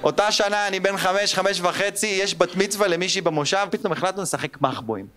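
Male stand-up in his thirties, animated storyteller, slightly high voice, live audience laughing loudly. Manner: animated, jumps into squeaky child and gruff mother voices. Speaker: stand-up comedian. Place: theater stage with live audience. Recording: live show with loud crowd laughter.

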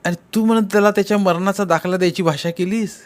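Man doing a sly middle-aged village headman, probing, needling, slightly high voice, storybook reading. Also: fairly even intonation, fast, natural voice.

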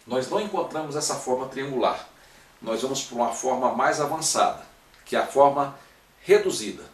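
Speaking a little fast in a mid-range voice, a man teaches math step by step and keeps checking in with his students. The recorded lecture has a classroom feel, with echo and a far-off microphone.

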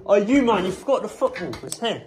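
A young man filming himself and friends inside a dark abandoned building, talking in slang, hushed and jittery, on a handheld phone. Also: high-pitched, big pitch swings, a little fast, very noisy. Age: young adult. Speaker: vlogger filming an urban exploration. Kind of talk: casual chat while exploring. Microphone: handheld phone camera. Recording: phone audio with chatter around. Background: friends chatting nearby.

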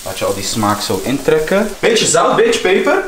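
A man chatting casually in street slang as he cooks, repeating words excitedly. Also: fairly high pitch, normal speed, crowd noise. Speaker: home cooking vlogger. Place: home kitchen with food sizzling. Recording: roomy kitchen, clear background noise.

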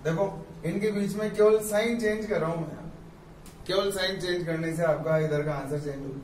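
A physics teacher gives a classroom lecture, explaining step by step and repeating terms slowly. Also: male voice, sits high, darkish tone, slight background noise. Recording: echoey room, mic far off.

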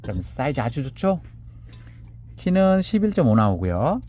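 A man talks in an easy, chatty way as he presents pots to sell. His pitch moves a lot, rising and falling through each phrase. He reads out each measurement in a gentle, unhurried manner. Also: very animated. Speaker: seller presenting handmade pots. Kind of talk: casual sales presentation. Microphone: camera on a table.

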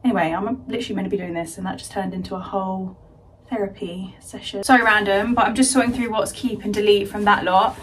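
A woman's voice: medium pitch, fairly even intonation, fast talker, a little hiss or hum, poor audio. A woman chatting casually to her phone camera while sorting her bedroom, rambling and self-deprecating. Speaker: home vlogger. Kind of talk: casual vlog chat to camera. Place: bedroom at home, indoors.

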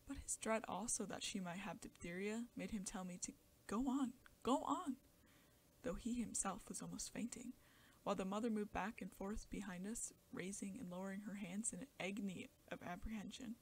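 Lady reading a short story, breathy half-whisper, tense and dramatic, faint hiss behind. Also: mid-range voice, fairly even intonation, fairly quick. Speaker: audiobook narrator. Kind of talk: scripted story narration.

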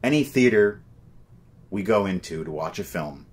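A man's voice: sits low, expressive, moderate pace, slight background noise. A man in his thirties co-hosting a casual movie chat, dry and teasing with a mock-ominous edge. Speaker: co-host. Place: basement room lined with shelves.

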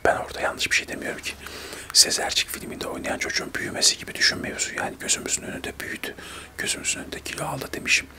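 A man in his thirties doing a whispered role-play of a testy TV debate, arguing insistently in a breathy whisper. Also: racing, sharp tone. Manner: whispering throughout, argumentative, insistent. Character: testy male TV debate guests squabbling in whispers. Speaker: ASMR creator acting out a debate show.

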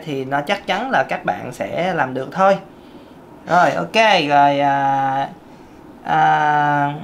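Woman, vocal coach, casual singing lesson, demonstrates vocal sounds, lowish voice, faint background noise.

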